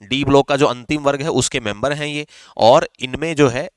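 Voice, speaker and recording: A male chemistry teacher with a Rajasthani Hindi accent walks through exam questions step by step, posing questions and answering them himself in an exam-prep lesson. His mid-range voice is smooth and moves at a normal speed. The recording is dry.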